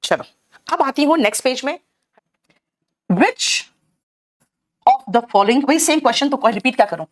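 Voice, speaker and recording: A woman's voice: sits high, lively intonation, measured pace, long pauses. A middle-aged woman teaching an exam-prep English lesson with an Indian English accent, calling her students "beta" and checking often whether they have understood. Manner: addresses students as "beta", keeps asking "clear?" and "theek hai?".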